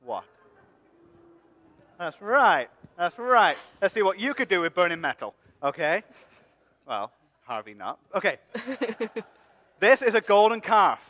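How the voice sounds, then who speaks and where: A man's voice: sits high, big pitch swings, measured pace, long pauses, sharp tone, heavily acted. A man playing Aaron as a cocky, joking leader who coaxes the crowd in a comic church skit. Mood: playful scheming. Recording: dull sound with long hall reverb.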